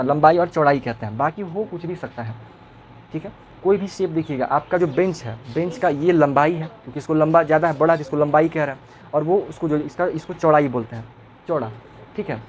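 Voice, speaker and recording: A man's voice: a little high, fast, a little hiss or hum. A male schoolteacher, teaching a classroom lesson and teasing and quizzing his pupils.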